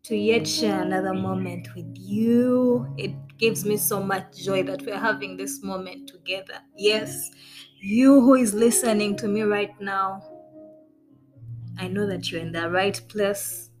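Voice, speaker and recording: A woman's voice: mid-range voice, a little slow, poor audio. Bubbly woman hosting a faith podcast. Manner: bubbly and effusive, laughing often. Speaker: podcast host. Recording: clear background music under voice.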